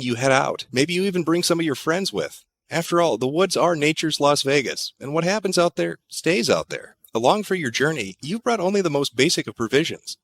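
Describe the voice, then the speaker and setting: A man's voice: a little high, a bit bright. A man narrating a campfire horror tale in second person, dry and sardonic, with crude joking asides.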